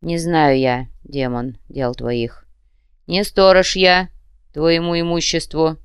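A woman voicing a stern, dying old male monk who speaks slowly and curtly. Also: low voice, steady tone, clear, resonant tone, no echo, studio quality. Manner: slow, weighty, curt speech. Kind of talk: audiobook character reading.

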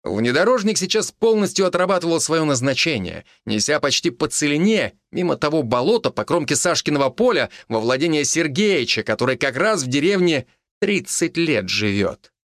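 A man narrating an audiobook in a measured, expressive reading voice. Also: on the high side, dry recording, studio quality.

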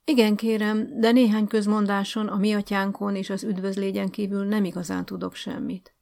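An eager, naive young schoolteacher , as a woman reader puts her on who answers earnestly and a little too willingly. Her voice sits a touch higher, with a gravelly rasp. Audiobook storytelling. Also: flat delivery, darkish tone, natural voice. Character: eager naive young female village teacher.

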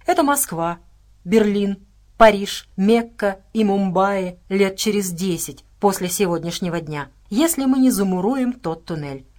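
A woman's voice: mid-range voice, measured pace, darkish tone, close to an everyday voice. Storybook scientist woman, patient lecturer, worried, read by a woman. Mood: grave. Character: female scientist, earnest and worried.

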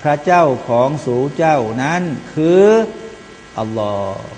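A man's voice: on the high side, lively intonation, a little slow, a little mellow. A man preaching a Quran commentary, chanting Arabic verses between plain explanations and addressing his listeners as brothers and sisters. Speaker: Islamic preacher. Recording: long hall reverb, faint mains hum.

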